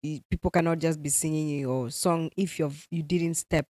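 Speaking with a Kenyan accent at a moderate pace, a young gospel musician from Kenya chats animatedly in a casual interview, sprinkling in phrases from Swahili, her native tongue. Her pitch is low, and there's no room sound.

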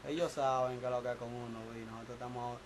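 A man's voice: mid-range voice, flat delivery, fast talker, noisy background. A man who is a music producer, chatting casually and jokingly in a small recording studio, picked up by a camera mic. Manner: boastful, joking, slangy.

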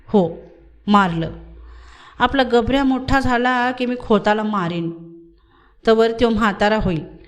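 A woman's voice: fairly high pitch, unhurried, long pauses, close to an everyday voice. A woman reading aloud and voicing a village mother who is firm and scolding but fond of her son. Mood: gentle.

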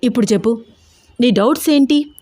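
A woman's voice: fairly high pitch, a little mellow, dry recording, lightly acted. A woman voicing a menacing middle-aged male gang boss who sneers and gives orders in a storybook reading. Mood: sneering taunting. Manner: sneering, commanding, slow and taunting.

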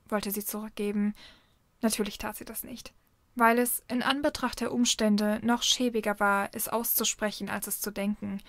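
A woman reading a fan fiction story aloud in an even, measured narration. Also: fairly high pitch, dry recording.

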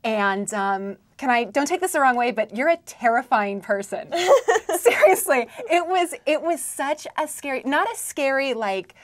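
A woman's voice: high voice, lively intonation, a little slow. Young woman, interviewer, chatty, restarts often, studio. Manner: chatty, many restarts and fillers. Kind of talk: book interview. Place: studio with dark backdrop.

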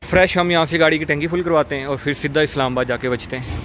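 A man's voice: fairly high pitch, fast talker, a bit bright, a little hiss or hum. A young man with a Pakistani Urdu accent, vlogging casually to his viewers while driving and stopping along the road. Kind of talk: casual travel vlog narration. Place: in a car and outdoors at roadside stops. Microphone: phone or camera held at arm's length.

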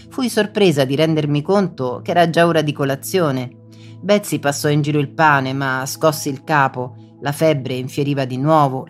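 An audiobook narrator reading a first-person story in a measured, dramatic way. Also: medium pitch.

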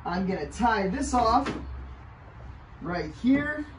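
A kayak fishing host in his thirties, voice pitched high and sing-song, speaks slowly through a casual hands-on porch demonstration. The low-quality recording, made by a camera mic a few feet away, carries slight background noise.

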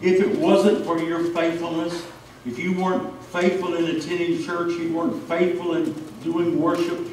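A man's voice: high-pitched, recorded from a distance, slight background noise. A man preaching a sermon as pastor, earnest and repeating phrases for emphasis, in a church. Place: church sanctuary. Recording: echoey church from afar.

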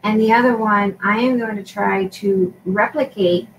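A woman's voice: medium pitch, fairly even intonation, normal speed, far from the mic, slight background noise, rough recording. A woman vlogger chatting casually as she shows craft supplies in a tutorial for her shop, rambling with lots of fillers.

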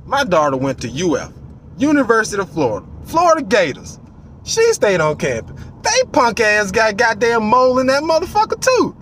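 A man in his forties giving animated, casual commentary from inside a parked car, acting out voices and swearing freely. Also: high-pitched, normal speed, slight background noise. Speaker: vlogger. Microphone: phone on the dashboard.

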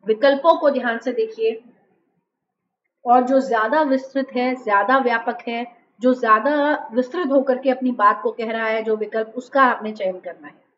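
High-voiced woman teaching an online class. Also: a bit bright, lo-fi sound, slight background noise. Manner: explains step by step, repeatedly urges quick answers. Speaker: exam-prep teacher. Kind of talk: online live-class lecture.

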